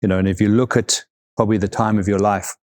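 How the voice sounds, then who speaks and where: Deep-voiced man, reflective. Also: level tone, a little mellow, no echo, clean studio sound. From South Africa. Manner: thoughtful, unhurried, repeats words as he gathers thoughts. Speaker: guest, overland vehicle consultant. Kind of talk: reflective interview conversation.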